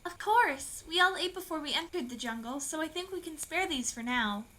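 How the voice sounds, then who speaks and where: A woman's voice: sits high, lively intonation, moderate pace, a bit bright. A woman voicing a polite, sensible young animal friend who speaks courteously.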